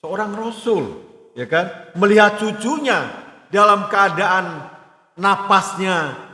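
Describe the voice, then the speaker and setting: A man's voice: high-pitched, lively intonation, slow pace, pushed and bright. A middle-aged man teaching hadith to a congregation, reading Arabic and explaining it phrase by phrase with frequent asides to listeners. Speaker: Islamic teacher. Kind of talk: religious study lecture. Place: mosque hall. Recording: echoey hall, long reverb.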